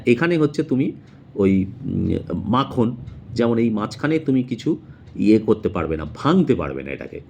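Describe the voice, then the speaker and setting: Male tutor, patient exam-prep explainer, mellow tone, swooping pitch. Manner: explains patiently, addresses students directly, many fillers and pauses. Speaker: teacher. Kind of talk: informal exam-prep lesson.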